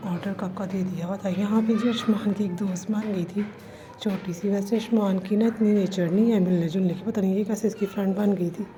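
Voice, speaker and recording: A woman's voice: mid-range voice, fairly even intonation, fairly quick. A woman, narrating a casual home and cooking vlog in a chatty, homely way. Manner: chatty, homely, addresses viewers as "ji". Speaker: vlogger. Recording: slightly dull lo-fi recording with faint ambience. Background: faint household noise.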